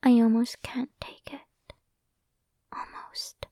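A young woman speaking in a soft, intimate whisper for an ASMR roleplay, sweet and affectionate, close to the microphone. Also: slow pace, no room sound. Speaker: ASMR performer. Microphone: close sensitive microphone.

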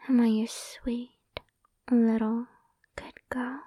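Soft whispering young woman, slow and hushed. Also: a little high, flat delivery, dry recording, studio quality. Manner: sweet, affectionate, slow. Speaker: ASMR performer. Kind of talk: ASMR roleplay. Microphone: close sensitive microphone.

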